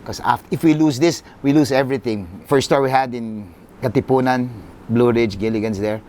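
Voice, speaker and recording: A man's voice: mid-range voice, moderate pace, darkish tone, a little hiss or hum. Earnest Filipino man telling his story. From Philippines. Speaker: football club CEO. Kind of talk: personal storytelling.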